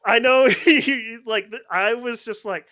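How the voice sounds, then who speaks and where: A man's voice: extremely high pitch, measured pace, pushed and bright, no room sound, clean studio sound. A man hosting a film podcast, talking casually with frequent restarts and "like" fillers. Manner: rambling, many restarts and "like" fillers. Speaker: podcast host.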